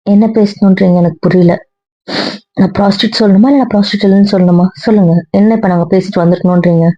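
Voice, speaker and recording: ஒரு பெண் நடிகை, தன்னை நியாயப்படுத்திப் பிடிவாதமாகப் பேசும் மனம் உடைந்த இளம் பெண்ணாக நடிக்கிறார். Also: female voice, medium pitch, fairly even intonation, quick pace, warm tone, no echo, close to an everyday voice. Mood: defiant. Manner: emotional, insistent, repetitive. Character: hurt young woman defending her refuge. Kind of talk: web serial monologue. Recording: dry dull lo-fi sound.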